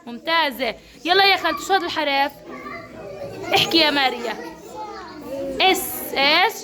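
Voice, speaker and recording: Crowd noise surrounds this woman as she instructs a kindergarten class in a Levantine Arabic accent, calling each child by name with encouragement and praise. She speaks at a moderate pace in a high, expressive voice.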